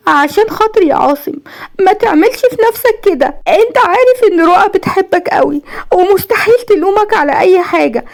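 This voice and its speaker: A woman voicing a devoted young woman in love, speaking softly and emotionally with an Egyptian Arabic accent. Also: fairly high pitch, animated, fast, voice pushed up, natural voice. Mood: tearful. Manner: soft, pleading and emotional.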